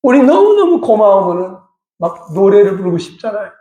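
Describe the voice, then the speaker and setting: A man's voice: sits high, sing-song, fairly quick, mellow, dull audio. A middle-aged male pastor preaching a sermon emphatically and often putting rhetorical questions to the congregation. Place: church sanctuary. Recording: echoey church hall.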